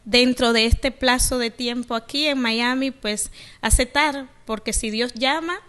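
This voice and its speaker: A woman's voice: fairly high pitch, fairly even intonation, measured pace, a bit bright. A middle-aged woman from the Dominican Republic, a guest on a radio show, earnestly telling her life story. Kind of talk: radio interview, personal testimony.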